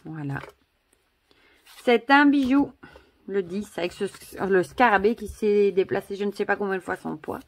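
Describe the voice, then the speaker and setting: A woman's voice: mid-range voice, normal speed. A woman with a Belgian French accent in a casual vlog, chatty and gushing, full of exclamations and asides as she shows things to the camera. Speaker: vlogger.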